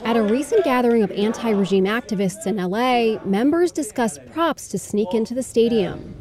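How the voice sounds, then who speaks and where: A woman's voice: a little high, lively intonation, normal speed, crowd noise. A woman reporter narrating a scripted news feature.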